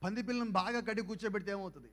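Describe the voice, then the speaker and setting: High bright preacher in an echoing hall. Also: male voice, very fast. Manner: fires rhetorical questions at the audience; swings between soft asides and loud exhortation. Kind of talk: evangelical youth sermon. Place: youth camp meeting hall. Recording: echoey hall with long reverb.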